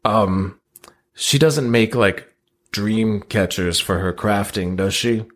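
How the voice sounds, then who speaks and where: A man's voice: on the low side, slow pace. A man playing in a tabletop role-playing game, speaking in casual improvised chat.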